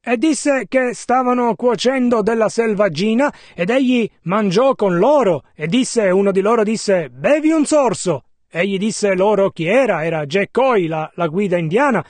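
A man renders a preacher's sermon line by line in a steady, measured voice. His pitch is very high. The sound is dry and close, with no room around it. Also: no echo. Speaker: interpreter. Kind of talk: sermon interpretation.

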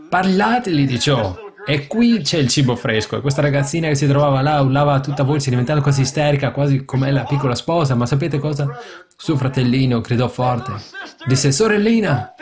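Male preacher, fervent sermon delivery, rising to loud exclamations, live congregation audible behind. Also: mid-range voice.

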